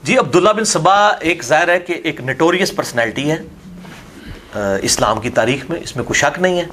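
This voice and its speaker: A man's voice: fairly high pitch, fairly bright tone. A man as an interview guest, arguing a religious point in a combative, scornful way with pointed rhetorical questions. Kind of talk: heated religious debate talk.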